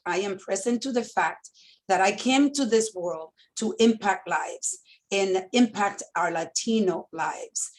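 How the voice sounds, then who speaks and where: A Dominican woman in her fifties, a native Spanish speaker, tells her story as an entrepreneur guest speaker at a fireside chat. Her pitch is medium and the audio is poor. She's open and animated, using frequent fillers.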